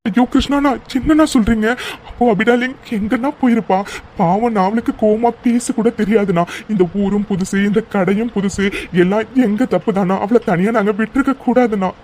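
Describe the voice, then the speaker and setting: A man's voice: sits high, brisk, a little mellow, a little hiss or hum, close to an everyday voice. A man voicing a worried young man in a cartoon who pleads and keeps crying out in alarm. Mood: pleading. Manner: pleading, repeats "aiyo". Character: worried young man searching for his sweetheart. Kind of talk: cartoon dub dialogue.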